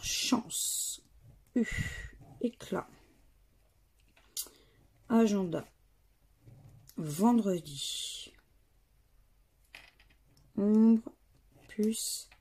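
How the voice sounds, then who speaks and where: A woman talks unhurriedly over her scratch cards, her voice gravelly and husky. She reads letters and words in a low murmur that keeps sinking to near-whispers, and her tone stays dark and mellow. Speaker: scratch-card vlogger. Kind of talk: casual commentary while scratching tickets.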